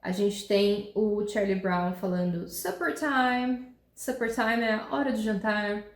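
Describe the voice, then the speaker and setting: Her pitch sits in the middle and her tone stays steady as she patiently walks through an English grammar point in Portuguese. She keeps asking "tá?" and "né?", reads English examples slowly and clearly, and the room echoes noticeably.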